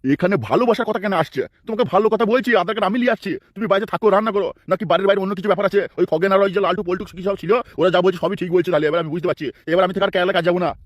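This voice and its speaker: A man's voice: high-pitched, rapid-fire, few pauses, no echo, muffled recording. A man voicing a stubborn, suspicious husband in a comic cartoon dub. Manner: nagging, suspicious.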